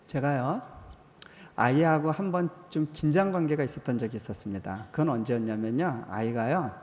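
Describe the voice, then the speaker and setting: A man in his forties preaching a sermon in a church hall, telling personal stories in a conversational way. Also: mid-range voice. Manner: conversational, acts out quoted voices, drops soft for tender moments. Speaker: missionary preacher. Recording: long hall reverb.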